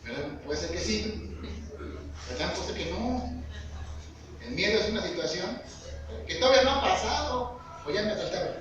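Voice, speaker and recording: A man's voice: sits high, lively intonation, moderate pace, pauses often. A man preaching a sermon, earnestly asking the congregation questions. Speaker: lay preacher. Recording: echoey hall, far-off mic, background noise.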